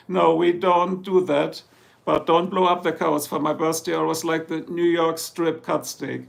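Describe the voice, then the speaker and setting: A German man with a German accent hosts a livestream from his home in Ohio, US, casually chatting with viewers and reading their comments. He rambles and jokes and slips into German now and then. His voice is gravelly and a little high.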